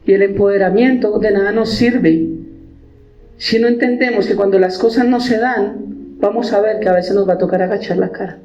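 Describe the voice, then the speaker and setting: A male pastor, preaching a sermon with animated delivery and acting out the voices of believers. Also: sits high, moderate pace. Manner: animated, acts out quoted believers. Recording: echoey church with music, dull sound.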